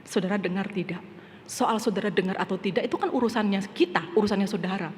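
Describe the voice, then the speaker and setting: A middle-aged woman pastor from Indonesia preaching a sermon, telling a personal story and rising to loud, emphatic passages, mixing English phrases into her speech. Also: mid-range voice, fast. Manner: storytelling, swells to loud emphatic preaching, drops to soft asides. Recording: long hall reverb with faint background noise.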